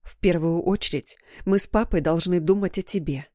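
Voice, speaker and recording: Woman voicing a gentle, worried mother. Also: fairly low pitch, moderate pace, no echo, studio quality, lightly acted. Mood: soothing. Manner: soft, soothing. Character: gentle worried mother, soothing her daughter.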